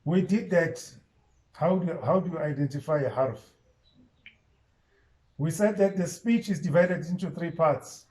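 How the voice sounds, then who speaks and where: A man's voice: a little high, measured pace, pauses often, a little mellow, rough recording. A man teaching an online Islamic studies and Arabic class, explaining step by step and quizzing his students.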